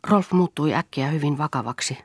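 A woman reading a classic novel aloud as an audiobook narrator, in a measured, calm way. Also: low-pitched, breathy edge, no room sound, studio quality. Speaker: audiobook reader.

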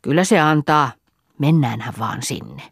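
A strict, anxious peasant mother scolding her girls, as a woman reader voices her. The sound is dry and close. She speaks a bit higher than the reader's narration. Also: expressive, slightly rough, no echo, exaggerated voice. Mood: hushed.

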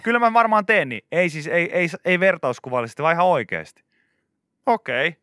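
A man hosts a morning radio show, teasing and joking his way through casual banter. His voice is bright and forceful, with a pitch that swings widely. The studio microphone sounds dry and close. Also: expressive, no echo. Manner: joking, bursts into laughter, teasing.

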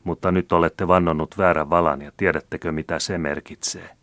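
A stern doctor speaks calmly and coldly, as a male narrator reads him. The voice is deep and even. The recording is dry and close. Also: no room sound. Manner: calm, stern accusing.

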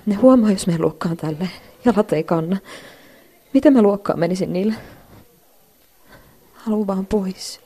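A woman's voice: mid-range voice, long pauses, husky, close to an everyday voice. A woman playing a bullied, anxious schoolgirl. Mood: panicked. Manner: quiet, brooding, talking to herself. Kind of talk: inner monologue.

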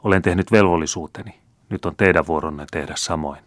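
A man's voice: sits low, no echo, lightly acted. A man reading the lines of a wise, dutiful young woman in an audiobook, in a grave, pleading way.

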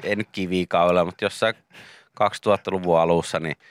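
A man's voice: deep voice, fairly even intonation, no echo, studio quality. A man co-hosting a morning radio show, bantering casually and teasing with joking outbursts. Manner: teasing, jumps into loud joking shouts.

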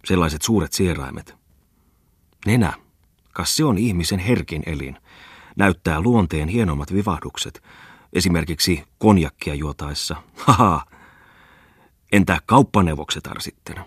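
A man reading an audiobook voices a loud, excitable lame man who rants scornfully and breaks into shouts. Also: sits low, long pauses, slightly rough, no room sound, clean studio sound. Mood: ranting. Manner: raves loudly, jumps into shouts. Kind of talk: audiobook character voice.

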